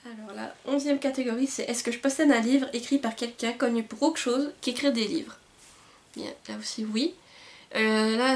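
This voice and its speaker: Chatty woman, book vlog. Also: on the high side. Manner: chatty and rambling, many fillers and restarts. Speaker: book vlogger. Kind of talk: casual book chat to camera. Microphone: camcorder mic.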